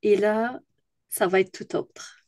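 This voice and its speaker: A woman's voice: medium pitch, fairly even intonation, slow, a little mellow, no room sound, studio quality. A woman from North America with a Québécois accent, hosting a video-call interview in an enthusiastic, emphatic manner. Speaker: host.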